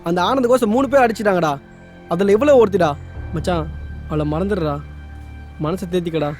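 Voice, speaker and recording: A blunt young friend in a film, played by an actor, consoling his pal at a quick pace. Light music runs behind. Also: high-pitched, a little mellow, lightly acted. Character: blunt young male friend giving advice. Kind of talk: film dialogue.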